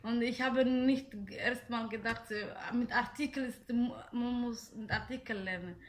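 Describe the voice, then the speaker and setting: Young woman, kinda high voice, lots of ums and restarts, answering questions. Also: fairly even intonation, a little slow, slight background noise. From Somalia. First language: Somali. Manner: hesitant, many fillers and restarts. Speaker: interviewee. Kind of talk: casual interview answers.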